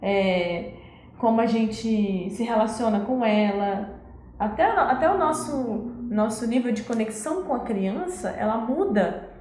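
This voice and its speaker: A woman's voice: fairly high pitch, lively intonation, measured pace, a little mellow, roomy sound, slight background noise. A woman educator giving a live talk on parenting, explaining patiently and acting out scolding parents.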